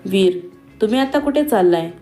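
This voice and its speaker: A woman voicing a young female college student who talks in a quick, teasing and pointed way. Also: mid-range voice, animated, dark tone, soft background music, lightly acted. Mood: spirited.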